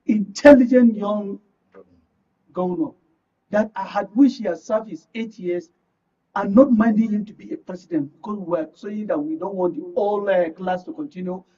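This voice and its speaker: A Nigerian man appears as a guest political commentator in a live current affairs discussion, speaking emphatically and repeating phrases to drive his point home. His voice is high and mellow at a moderate pace, picked up by a muffled, distant microphone.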